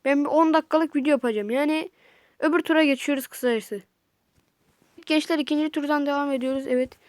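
A woman giving casual, jokey gameplay commentary, chatty and prone to sudden excited yelps. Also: high-pitched, a little fast, no echo. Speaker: gaming channel host.

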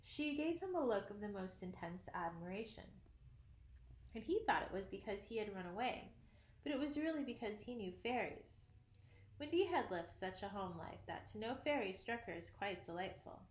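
A woman reading a children's storybook aloud in an expressive manner, with casual asides to listeners. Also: mid-range voice, moderate pace. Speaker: audiobook reader. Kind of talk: storybook read-aloud narration. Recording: roomy echo.

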